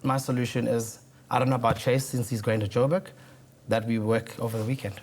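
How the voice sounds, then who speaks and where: A man's voice: mid-range voice, fairly even intonation, brisk, a little hiss or hum. A man with a mid-range voice speaks as a competition contestant. He explains himself to a panel of judges. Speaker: talent show contestant.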